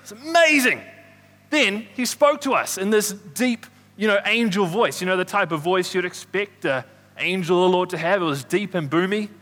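A man acting as an excitable, chatty shepherd who tells a rambling story with loud whoops. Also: high-pitched, normal speed. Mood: excited. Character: excitable chatty male shepherd, middle-aged. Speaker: shepherd character in a church Christmas play. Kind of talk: comic stage acting. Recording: echoey hall reverb.

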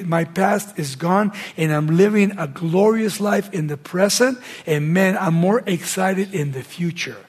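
A man preaching a sermon as a preacher, emphatic, swinging between raised and hushed phrases. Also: a little high, slightly rough.

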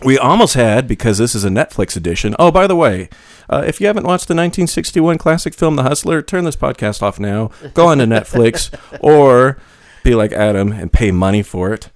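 Male podcast host, animated and joking, dry close sound. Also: medium pitch, brisk, dry recording. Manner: lively, joking, animated delivery. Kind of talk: scripted podcast intro, then casual chat. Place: small room with friends.

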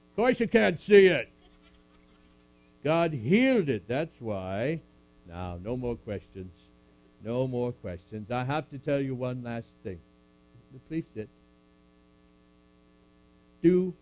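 A man's voice: medium pitch, dark tone, a little hiss or hum, poor audio. A man voicing a puppet of an older apostle who preaches and then answers audience questions with dry jokes. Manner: preachy, dryly joking, speaks to a crowd. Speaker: puppet performer. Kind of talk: church puppet skit with scripture recitation.

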